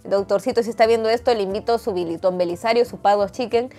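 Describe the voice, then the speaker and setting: A woman with a Peruvian Spanish accent, telling a story to camera in a dramatic, animated way with crude slang. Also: mid-range voice, quick pace, faint music behind. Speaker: vlogger.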